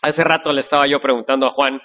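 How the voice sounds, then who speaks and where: A man's voice: mid-range voice, fairly even intonation, fast talker, bright, forceful tone. Slangy Mexican man, muffled sound. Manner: joking, slangy. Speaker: podcast host. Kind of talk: casual chat.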